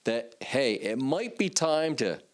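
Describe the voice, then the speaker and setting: A man's voice: medium pitch, big pitch swings, slow pace. A man hosting an infomercial, presenting and putting leading questions in a conversational way. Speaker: infomercial host.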